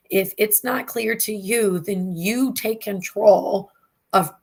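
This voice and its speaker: A woman's voice: medium pitch, creaky, slightly rough. A woman therapist hosting a talk show, teaching in a casual, candid way with frequent asides. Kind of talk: live online talk show.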